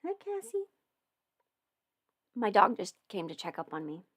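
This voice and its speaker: A woman hosts a casual livestream from her desk at home, a voice performer answering viewer questions and thinking aloud as she chats. Her medium-pitched voice swoops wildly in pitch, with a measured pace and a breathy edge.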